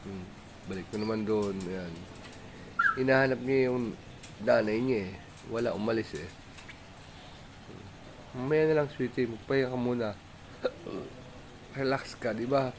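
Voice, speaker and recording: A man filming his pet dog at home, gently coaxing it and chatting about its habits. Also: medium pitch. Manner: soft coaxing talk to the dog, mixed with chatty explaining. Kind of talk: casual home vlog, talking to a dog. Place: home, indoors. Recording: noisy home recording with a dog.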